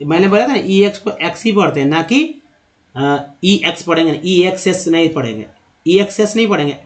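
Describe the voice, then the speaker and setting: A man, an English teacher giving a spoken phonics lesson, slowly spelling letters out and repeating each word for his viewers. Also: on the high side. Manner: slow, repeats words and letters while explaining; addresses viewers as friends, checks in often.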